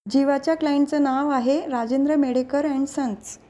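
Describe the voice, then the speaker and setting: A woman's voice: high-pitched, steady tone, normal speed, mellow, natural voice. A woman reading a taunting meddling aunt. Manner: taunting, nosy. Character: meddling older aunt, sharp-tongued and taunting.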